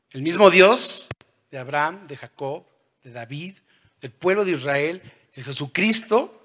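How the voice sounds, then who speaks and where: A man in his thirties delivers a sermon in a high, bright voice. He jumps from loud, stretched calls to hushed asides and keeps putting questions to his listeners. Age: 30s. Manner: dramatic swings between loud calls and hushed lines; asks the congregation questions. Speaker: preacher.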